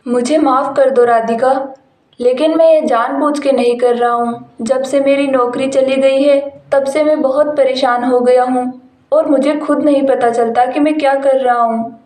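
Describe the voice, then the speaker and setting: A woman voicing a young husband who lost his job and snaps at his wife, speaking in a lowered voice in an echoey room. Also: steady tone, measured pace, darkish tone. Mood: earnest. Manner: scolding, then apologetic. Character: young husband, short-tempered, stressed after losing his job. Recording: roomy echo.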